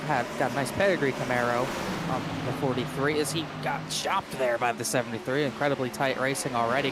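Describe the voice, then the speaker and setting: A man's voice: medium pitch, noisy background. A man giving motorsport commentary, running down positions and analysing an online race.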